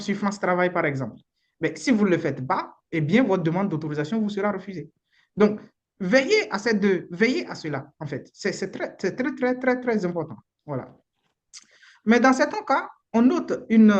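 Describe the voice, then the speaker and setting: Low-voiced Beninese woman lawyer, frank. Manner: informal and frank, with blunt slang. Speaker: immigration lawyer. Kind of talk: live online advice session.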